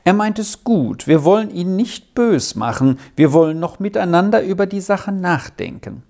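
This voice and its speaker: A reader voicing a gentle, earnest old grandmother who speaks softly and admonishes slowly in a storybook reading. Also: medium pitch, animated, gravelly, pitched above the performer's own voice. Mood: gentle, admonishing. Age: over 60. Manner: soft, admonishing, slow and thoughtful.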